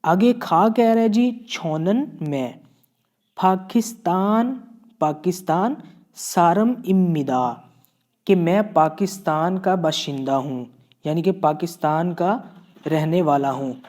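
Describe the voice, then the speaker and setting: A Pakistani man teaches Korean vocabulary in a classroom-style lesson, his Pakistani Urdu accent carried by a slightly high, darkish voice. He's unhurried, patiently repeating each word and frequently checking in.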